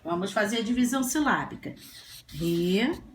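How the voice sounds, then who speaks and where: A woman's voice: on the high side, lively intonation, a little slow, fairly bright tone, slight background noise. A woman teacher giving a children's classroom lesson, patient and sing-song, stretching out syllables as she sounds out words. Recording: echoey room, faint ambience.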